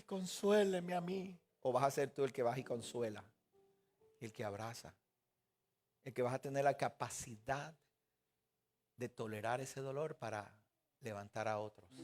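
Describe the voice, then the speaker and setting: A pastor giving a sermon in an earnest way, often putting questions straight to the listeners. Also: male voice, mid-range voice.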